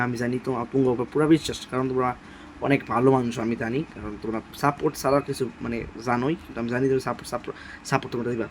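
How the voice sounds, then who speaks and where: A man giving casual gameplay commentary. He keeps his voice low and quiet because it is late at night, and talks in a repetitive, pleading way to his viewers. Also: slight background noise. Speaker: gaming channel host.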